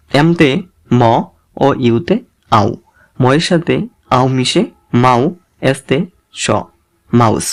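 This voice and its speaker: A man teaching English reading, spelling out letters one by one and blending them into words in a deliberate, repetitive way. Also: medium pitch. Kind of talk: slow spelled-out pronunciation lesson.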